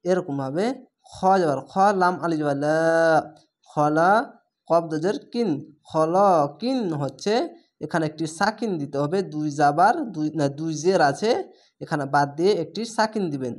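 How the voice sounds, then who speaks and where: A man's voice: fairly high pitch, normal speed. A man teaching a reading lesson, patiently spelling out syllables one by one and stretching the vowels, and repeating each instruction.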